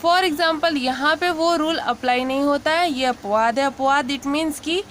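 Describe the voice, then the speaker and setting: Slow, high-voiced woman teacher. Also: a bit bright, slight background noise. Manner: patient, repeats each word slowly, frequent "theek hai". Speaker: English pronunciation teacher. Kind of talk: slow explanatory lesson.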